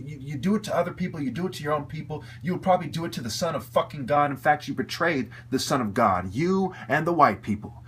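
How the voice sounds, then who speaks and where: A man's voice: fairly high pitch, fairly bright tone, slightly rough. A man giving an angry, profane video rant, heated and repetitive in his delivery. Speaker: video commentator.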